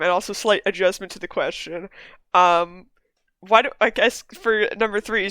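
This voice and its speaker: A chatty woman hosts a casual book discussion and laughs easily between her questions. Her voice is bright and forward. The sound is dry and close, with no room around it. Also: on the low side, dry recording. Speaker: book club host.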